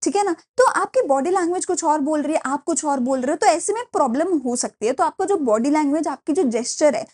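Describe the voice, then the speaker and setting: Young woman lecturing students, high bright voice, chatty and lively, drops english bits in. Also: fairly quick, few pauses. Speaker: teacher. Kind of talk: classroom lecture.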